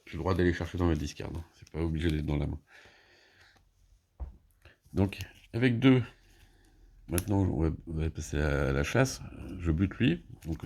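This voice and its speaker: Low gravelly French-speaking man thinking aloud. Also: mellow, slight background noise. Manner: hesitant, many fillers and restarts, thinking aloud. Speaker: board game player explaining a solo playthrough. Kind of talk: casual play-by-play explanation.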